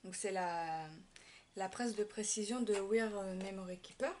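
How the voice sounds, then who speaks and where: A woman's voice: mid-range voice, measured pace. Chatty woman with a faint hiss behind. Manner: chatty, hesitant, many fillers and restarts. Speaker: craft YouTuber showing a shopping haul. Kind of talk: casual haul vlog.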